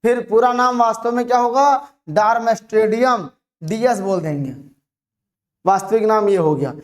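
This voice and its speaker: A teacher explains a chemistry lesson to students online, with a voice of middling pitch. Each question gets asked aloud and answered straight away. Terms are spelled out and repeated slowly so they stick.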